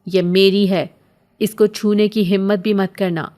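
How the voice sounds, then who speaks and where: A woman voicing a possessive male jinn who speaks in a low, menacing way and roars when angry, in a horror story. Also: dark tone, natural voice. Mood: furious.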